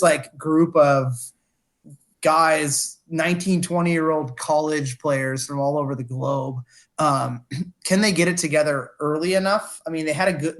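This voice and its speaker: Halting man co-hosting a soccer podcast. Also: on the high side, fairly bright tone. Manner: halting, many restarts and fillers. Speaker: podcast co-host. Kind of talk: casual sports podcast chat.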